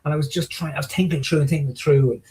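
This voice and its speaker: A man talking as a guest in a casual conversation, animated and acting out quoted exchanges as he tells stories, heard over a video call. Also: a little high, fast, rough recording.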